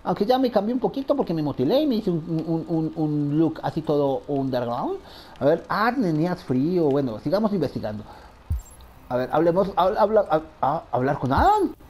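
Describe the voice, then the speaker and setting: A man's voice: a little high, big pitch swings, moderate pace, darkish tone. A man giving frantic let's-play commentary, talking to himself and repeating words. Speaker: gamer.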